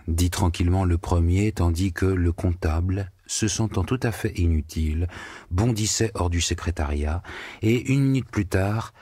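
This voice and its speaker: A man narrating an audiobook in an expressive, theatrical storytelling manner. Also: sits low, breathy edge, no echo.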